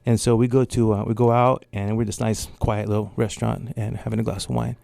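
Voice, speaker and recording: A man's voice: lowish voice, a little fast, vocal fry, no room sound. A man from California's San Joaquin Valley, a guest artist telling stories in a casual interview and acting out the people he quotes. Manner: animated storyteller, acts out the people he quotes.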